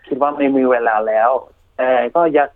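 A man with an English-speaking foreigner's accent, answering interview questions politely in halting, broken learner's Thai with English words mixed in. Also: medium pitch, steady tone. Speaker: interview guest, YouTuber. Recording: thin narrowband phone or radio line.

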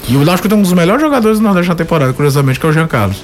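A man's voice: fairly high pitch, expressive, racing, soft background music. A Brazilian man giving casual football commentary as a pundit on a talk show.

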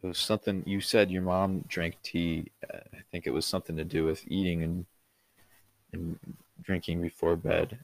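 A man with a fairly low voice co-hosts a relaxed chat. He agrees readily and drops in short replies between longer thoughts. The recording is dry and close. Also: no room sound. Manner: agreeable, quick to chime in with "yeah". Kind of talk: casual chat.

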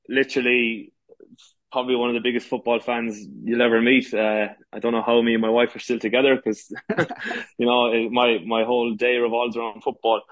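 A man's voice: mid-range voice, no room sound, low-quality recording. Irish man in his thirties, dry close sound. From Galway, west of Ireland. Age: 30s. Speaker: podcast guest, amateur goalkeeper. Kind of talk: casual interview chat.

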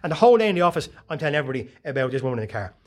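A man, giving a casual, profane motivational talk full of animated storytelling. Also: fairly high pitch, rapid-fire. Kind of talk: casual monologue.

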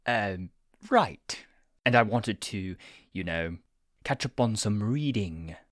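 A woman's voice: very deep voice, animated, slow pace, no room sound, clean studio sound, heavily acted. A woman voicing a prim, bookish male angel who talks in a flustered, waspish way.

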